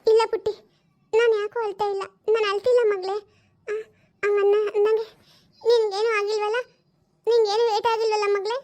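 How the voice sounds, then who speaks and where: Woman voicing a worried mother, weepy and pleading, very high voice. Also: little pitch movement, normal speed, pauses often, a little mellow. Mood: shaken. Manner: pleading and tearful, often sobbing. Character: anxious mother, tearful and protective. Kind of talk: home-made family drama.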